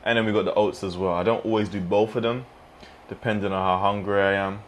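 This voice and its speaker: A man with a very low, deep voice talks in a loose, rambling way, often dropping in "man" and "you know". It sounds like a relaxed vlog, with faint noise behind him. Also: quick pace. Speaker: fitness vlogger and streamer. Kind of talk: casual mukbang vlog chat.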